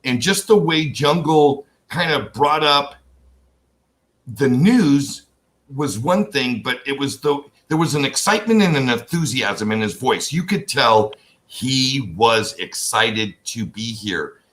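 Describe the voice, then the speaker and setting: A man's voice: mid-range voice, lively intonation, slow pace, fairly bright tone. Older male interview host, chatty. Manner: enthusiastic, rambling with restarts. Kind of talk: casual interview chat.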